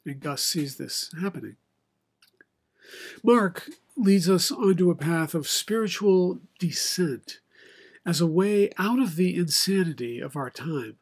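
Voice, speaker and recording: An older man, preaching a sermon from a home study with bookshelves into a webcam, in a measured, reflective way with many pauses. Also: sits high, animated, breathy edge. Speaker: pastor. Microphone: video call webcam, head and shoulders.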